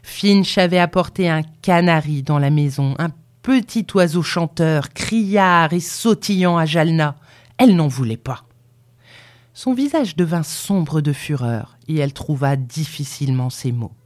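A woman narrating a novel at a slow, deliberate pace. Her lowish voice rises and falls a great deal as she carries the scenes. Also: no room sound, studio quality. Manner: unhurried, expressive storytelling. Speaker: audiobook reader. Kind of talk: expressive novel reading.

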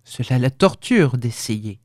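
A woman reading the lines of a calm, clinical male surgeon with quiet menace in an audiobook. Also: very deep voice, measured pace, dry recording, clean studio sound, pitched below the performer's own voice, full character voice. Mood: quiet control. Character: cold scheming male surgeon, middle-aged.

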